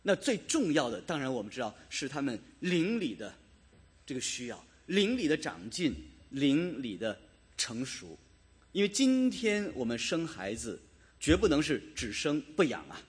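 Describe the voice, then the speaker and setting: A man's voice: mid-range voice, big pitch swings, moderate pace, breathy edge. A man preaching a sermon in a church, talking to his congregation, asking them questions and chuckling now and then. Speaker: pastor.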